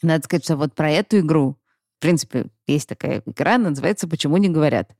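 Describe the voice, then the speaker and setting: Mellow woman explaining casually. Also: deep voice, fast, no echo, studio quality. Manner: relaxed, chatty, explains with fillers. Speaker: co-host, literary commentator.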